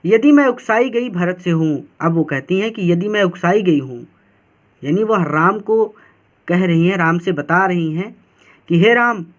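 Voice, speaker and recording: Male Hindi teacher, high voice, patient line-by-line poem explainer who repeats and paraphrases; dull lo-fi recording. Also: unhurried. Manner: repeats and paraphrases each phrase, checks in with "theek hai".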